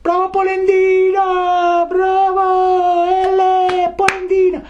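A man voicing a mocking unseen little voice from a piece of wood, with taunting sing-song shouts. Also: very high-pitched, monotone, takes it slowly, dull audio, noisy background, voice pushed up.

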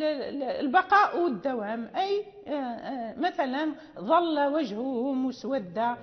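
A woman teaching Quran recitation and tajweed, explaining slowly with pauses and recited examples. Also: high-pitched, big-room sound, muffled recording. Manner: slow, careful explanation with many pauses and check-ins. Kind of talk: classroom lecture with recited examples.

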